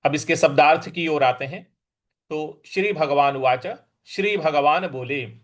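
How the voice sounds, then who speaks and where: A man teaching scripture recitation, chanting verses slowly and drawn out, then explaining pronunciation in quick asides. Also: fairly high pitch. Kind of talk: recitation lesson.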